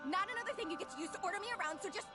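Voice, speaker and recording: An actress with a very high voice plays an overworked young artist, ranting angrily and in exasperation at her boss. Her delivery is animated and rapid-fire, with loud game music behind her.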